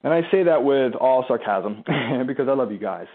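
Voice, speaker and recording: A man's voice: medium pitch, animated, moderate pace. Emphatic man coaching over a tinny line. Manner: emphatic, conversational, asks rhetorical questions; mimics the listener's objections in a whiny voice. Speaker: business and marketing coach. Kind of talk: motivational live talk to followers. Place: a room at home, seated in a chair.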